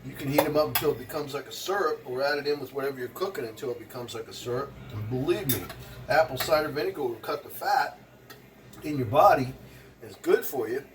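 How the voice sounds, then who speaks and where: A man in his sixties, a vlogger and motivational speaker, chats casually and ramblingly to viewers while cooking in his home kitchen. He talks fast in a mid-range voice, recorded from a distant mic with a little hiss or hum.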